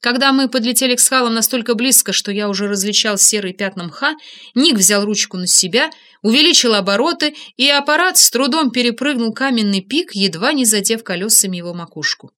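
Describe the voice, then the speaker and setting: A woman reading an adventure audiobook aloud in the first person, with steady and expressive delivery. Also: on the high side. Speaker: audiobook narrator. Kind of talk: scripted first-person narration.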